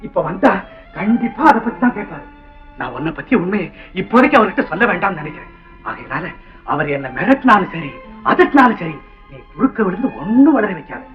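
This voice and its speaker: Earnest pleading son, quick and high, old movie audio. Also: male voice. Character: earnest young son hiding a secret. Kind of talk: 1960s film melodrama acting. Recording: dull old film soundtrack, faint music.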